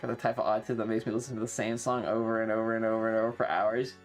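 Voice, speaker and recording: A streamer rambles through a casual live chat at a very fast clip, full of opinions, swearing freely and griping with playful exaggeration. Their mid-range voice stays flat, with soft music in the background.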